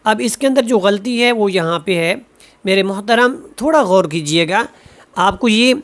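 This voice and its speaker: A male Quran teacher giving a tajweed lesson, correcting common mistakes in a patient, steady way. He stops to recite each verse slowly and carefully, stretching out the sounds, then goes back to plain explanation. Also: high voice. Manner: patient, corrective, often checks with "okay?".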